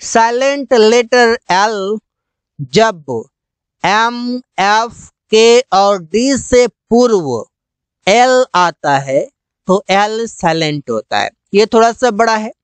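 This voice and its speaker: A teacher explaining English silent-letter rules in Hindi, slowly repeating each rule and example word. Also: medium pitch, expressive, clear, resonant tone, no echo.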